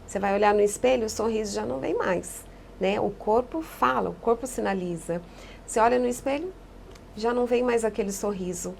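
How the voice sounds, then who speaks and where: A woman psychologist giving calm, explanatory answers in a podcast interview, often echoing key phrases. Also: on the high side, fairly quick, gravelly, slight background noise.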